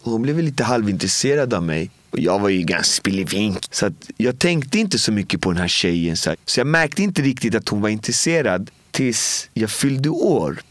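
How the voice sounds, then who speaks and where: A man's voice: fairly low pitch, sing-song, few pauses, no echo. A man in his forties sharing a personal story in an interview, talking casually and from the heart, often quoting what people said. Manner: casual and heartfelt, with frequent filler words and quoted dialogue. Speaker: guest.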